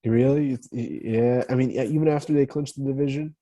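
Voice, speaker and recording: A man's voice: mid-range voice, steady tone, a little fast, mellow. A young man co-hosting a casual podcast, teasing his friend and laughing often. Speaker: podcast co-host. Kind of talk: casual chat.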